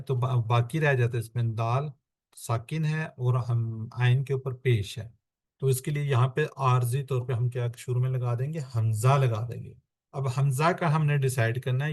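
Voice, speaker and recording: A man's voice: medium pitch, a little mellow. Male teacher patiently explaining grammar online. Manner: patient, repeats points step by step. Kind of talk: online class lesson.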